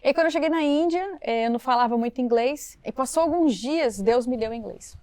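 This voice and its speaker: A woman from Brazil, a missionary guest on a podcast, telling her story lively and acting out the dialogue. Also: sits high, fairly quick, dry recording. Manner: animated storytelling, acts out quoted dialogue. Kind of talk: storytelling interview.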